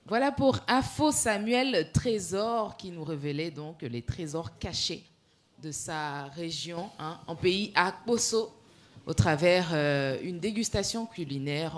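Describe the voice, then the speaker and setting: A woman hosting a speech contest show, handing over to jurors with many hesitant fillers. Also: on the low side. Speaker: host.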